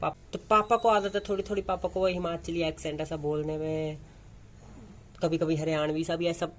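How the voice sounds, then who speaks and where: A man's voice: a little high, level tone, a little fast, a bit bright, a little hiss or hum, low-quality recording. A young man from Punjab, a dance content creator talking through a casual daily vlog in a chatty, rambling, playful way. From Punjab, India. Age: young adult.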